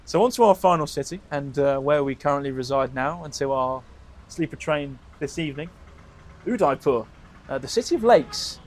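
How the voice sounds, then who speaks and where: A man's voice: fairly high pitch, lively intonation, normal speed. A man co-hosting a podcast, telling travel stories in an upbeat, rambling way. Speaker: podcast co-host. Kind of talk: casual travel storytelling.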